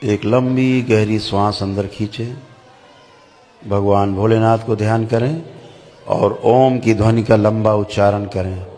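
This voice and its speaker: Calm man guiding meditation in a hall. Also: lowish voice. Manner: calm, slow instructing. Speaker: meditation guide. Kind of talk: guided meditation instructions. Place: large hall with a gathering. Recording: echoey hall, faint ambience.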